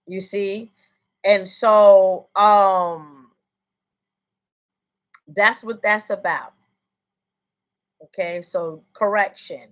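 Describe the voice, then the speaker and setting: This American psychic medium rambles through a casual livestream reading, repeatedly checking in with "you know what I'm saying." Her voice is medium in pitch with a fairly bright tone. The sound quality is lo-fi.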